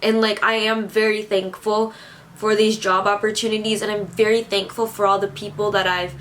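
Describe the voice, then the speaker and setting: Teary and close to crying, a twenty-one-year-old woman rambles in a casual vlog, trying to reassure herself. She talks at normal speed in a medium, flat voice that's a bit bright.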